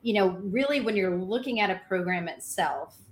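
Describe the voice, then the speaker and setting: Woman, fitness trainer, casual chat, energetic, echoey room. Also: medium pitch, moderate pace, a little hiss or hum. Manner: energetic, advice-giving, laughs often.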